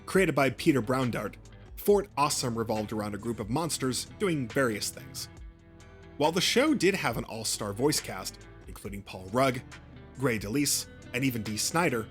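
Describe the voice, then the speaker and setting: A man narrating a history of a cartoon channel, reading a script with small slips and restarts. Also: medium pitch. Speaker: YouTube narrator.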